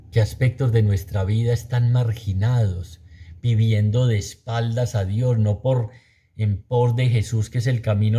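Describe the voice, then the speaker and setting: A man's voice: fairly low pitch, mellow. A man preaching a sermon, repeating phrases for emphasis and asking the audience rhetorical questions.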